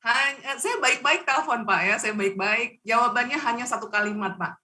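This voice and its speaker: A woman's voice: a little high, normal speed, pushed and bright, far from the mic. A woman who is a guest on a talk show, earnestly telling a personal story. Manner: earnest, laughs between phrases.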